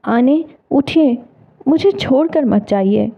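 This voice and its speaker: A woman's voice: high-pitched, expressive, takes it slowly, vocal fry, warm tone, pitched above the performer's own voice, heavily acted. A woman voicing a grieving young boy who pleads tearfully with his dying mother. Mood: pleading. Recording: tinny phone-like audio.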